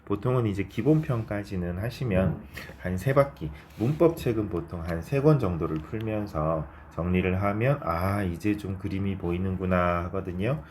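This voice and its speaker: A man's voice: deep voice, darkish tone, a little hiss or hum. A man teaching an English grammar lesson, explaining step by step and asking and answering his own questions as he works through example sentences. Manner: reads English example sentences slowly, word by word. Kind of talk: recorded online grammar lesson.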